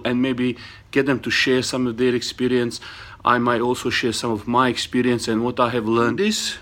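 A man with a Bosnian accent speaks to camera as the host of an informal video. His pitch is average for a man. His delivery is earnest and halting, often pausing to find the next word. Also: a bit bright. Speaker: host and entrepreneur. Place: small studio set up in a garage.

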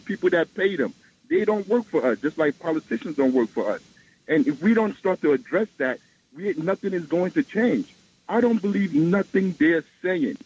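A man's voice: high voice, slightly rough. A man calling in to a talk radio show over the phone, speaking in an impassioned, emphatic way that repeats his points. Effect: heard over the phone. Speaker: radio call-in caller. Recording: dull phone line with faint hiss.

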